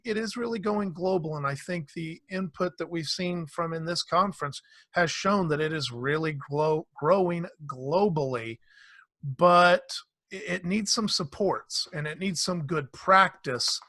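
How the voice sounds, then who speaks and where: A man hosting a casual online panel discussion, animated and quick to laugh, acting out quotes in playful voices. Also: a little high, no room sound. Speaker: panel host.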